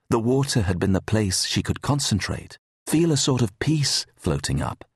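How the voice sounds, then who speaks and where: Male audiobook narrator, deep and husky, measured storytelling, dry close recording. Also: no echo. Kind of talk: scripted narration. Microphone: close studio mic.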